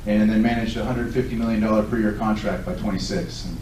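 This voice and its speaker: Confident and earnest, this man in his forties, a political candidate from Southern California, answers questions at a public candidate forum. His lowish, darkish voice moves fast with fairly even intonation. The sound is echoey and distant, picked up by a tablet in a large hall with faint background noise.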